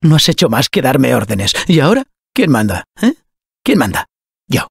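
A man voicing a chatty, nervous male robot sidekick in a dubbed video game, talking in an excitable rambling way. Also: mid-range voice, normal speed, vocal fry, breathy edge, no room sound, clean studio sound, full character voice. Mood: resentful.

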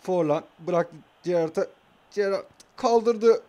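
A man's voice: sits high, takes it slowly, dark tone, lo-fi sound. A young man casually commentating his own football video game match, calling out passes and trash-talking his opponent.

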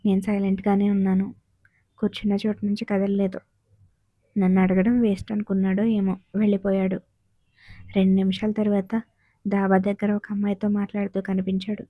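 A woman narrating a story in the first person with a calm, even delivery. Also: medium pitch, fairly quick, long pauses, no echo, muffled recording.

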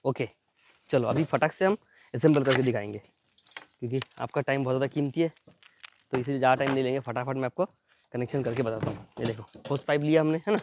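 A man doing a fast, chatty unboxing demo, pointing things out again and again as he shows each part. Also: medium pitch, background noise. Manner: fast, chatty, repeats "ye dekho" constantly. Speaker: product reviewer. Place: at home near a building site.

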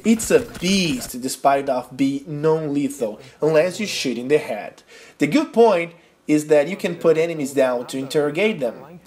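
A Brazilian man, Portuguese his first language, narrates gameplay in a casual tutorial, enthusiastic and with non-native phrasing and a Brazilian accent. His voice is a little high and darkish, with lively intonation at a normal speed.

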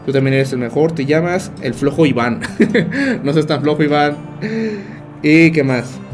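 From a small bedroom, a young adult man with a Mexican Spanish accent streams a game and chats with his viewers, often joking and laughing while he tells stories. His voice is a little high and animated, his pace a little slow, and he speaks over music.

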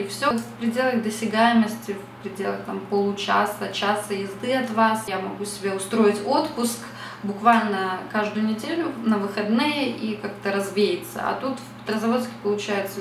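Chatting to camera in her small, bright home room, this young Russian beauty vlogger muses aloud, using lots of fillers. Her voice is mid-range, picked up from a distance in an echoey space, with background noise present.

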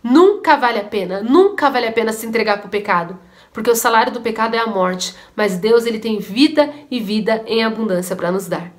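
A woman's voice: a little high, lively intonation, brisk. A woman telling a story and preaching earnestly in a devotional video. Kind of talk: devotional sermon-style storytelling.

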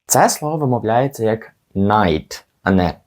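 A young man teaching English pronunciation, patiently repeating each word slowly for learners. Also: fairly low pitch, animated. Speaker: English teacher on his channel.

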